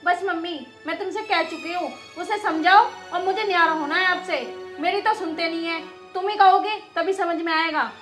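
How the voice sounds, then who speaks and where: A woman's voice: extremely high pitch, normal speed, hardly any pauses, a bit bright, soft background music. A woman playing a resentful young daughter-in-law who complains sharply. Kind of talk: rural film drama acting.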